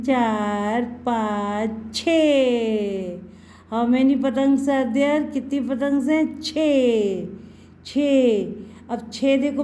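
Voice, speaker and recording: A woman's voice: on the high side, dark tone. A woman teaching Hindi to young children, patiently repeating words for them to echo and mixing in English words.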